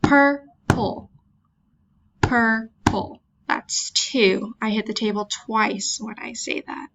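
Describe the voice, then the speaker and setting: A woman's voice: a little high, level tone, takes it slowly, vocal fry, background noise. A woman teacher giving a virtual classroom lesson, patiently sounding words out and making chatty, self-deprecating asides. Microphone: computer mic.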